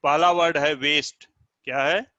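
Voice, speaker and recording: A man's voice: on the high side, fairly even intonation, unhurried, bright, forceful tone, no echo. A male teacher giving a video lesson to children, who says each word several times and spells it out letter by letter. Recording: dull lo-fi sound.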